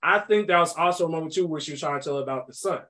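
A young man hosts a casual podcast, emphatic and animated as he breaks down a film. His voice sits a little higher than most men's. He laughs easily between points. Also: very fast. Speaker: podcast host. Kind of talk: casual movie discussion.

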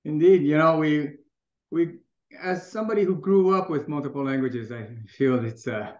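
The middle-aged Taiwanese man's voice sits fairly high and moves at a moderate pace. As a guest in an informal interview, he's thoughtful, with plenty of restarts and easygoing laughs, recorded in an echoey space with dull, lo-fi sound.

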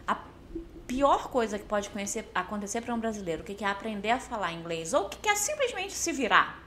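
A woman from Brazil chatting casually, telling lively stories, acting out quoted dialogue and laughing often. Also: medium pitch, fairly quick, slight background noise. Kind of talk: casual chat.

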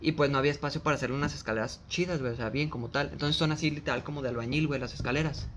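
A young man with a Mexican accent hosting a casual chat with friends, telling stories in quick slang and acting out the people in them. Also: mid-range voice, fairly even intonation, crowd noise. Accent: Mexican Spanish. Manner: rapid slangy storytelling, acts out quoted voices. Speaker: podcast host.

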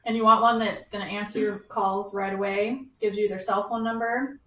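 A woman's voice: mid-range voice, fairly even intonation, moderate pace, sharp tone. A woman co-hosting a casual real estate podcast. She teases the others and keeps steering the talk back to the topic. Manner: teasing, steers the conversation back on track. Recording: echoey room, distant mic, faint noise.

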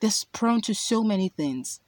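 A woman's voice: mid-range voice, animated, normal speed, a little mellow, no echo. A woman hosting a podcast, talking in an emphatic, preachy way that repeats lines for stress. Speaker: podcast host. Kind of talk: motivational podcast talk with ad read.

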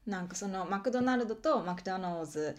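A woman who grew up partly abroad, chatting casually and telling stories with lively quoted voices. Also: mid-range voice, quick pace. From Japan, lived abroad as a child. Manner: chatty storyteller, acts out quoted voices, laughs often. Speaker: podcast co-host. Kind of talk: bilingual casual chat, English and Japanese.

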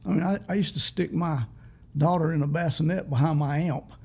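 A man's voice: fairly high pitch, fairly even intonation, brisk, vocal fry, darkish tone, breathy edge. A seventy-year-old man from South Carolina with a Southern US accent, chatting casually as an interviewer. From South Carolina, United States. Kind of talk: casual chat.

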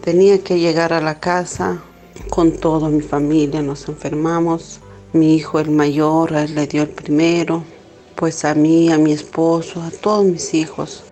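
A middle-aged woman telling an emotional personal testimony, halting and repeating words, with many filler questions. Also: deep voice, level tone, dark tone, soft background music. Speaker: testimony giver.

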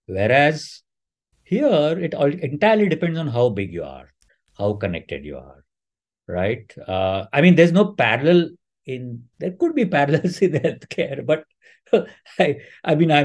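A man's voice: medium pitch, low-quality recording. A middle-aged man, a surgeon being interviewed, explaining in an earnest, emphatic way. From India. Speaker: surgeon and guest. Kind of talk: podcast interview.

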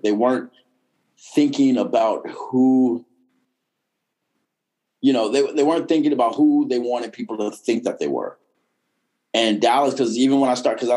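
A man's voice: mid-range voice, darkish tone, rough recording. A man with a mild Boston accent chatting casually in a blunt, sweary, rambling way. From Boston, United States. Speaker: podcast guest, comedian and former bike messenger. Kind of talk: casual conversation.

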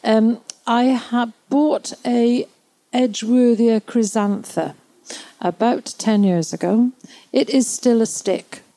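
A woman's voice: on the high side, takes it slowly, dark tone, no room sound. A woman chattily putting a question to a panel as an audience member. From Cardiff area, Wales.

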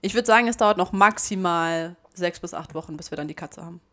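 A woman's voice: lowish voice, fairly quick, pushed and bright. Young woman cohosting, chatty and giggly, throws in english slang. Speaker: podcast co-host. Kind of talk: casual chat.

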